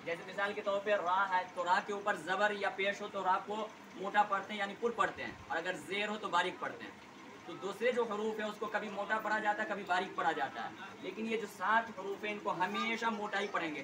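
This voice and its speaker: A man teaching Quran letter reading, leading a class in call-and-response drills and patiently correcting pronunciation. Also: high-pitched. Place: classroom full of children. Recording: distant mic, loud classroom chatter and noise.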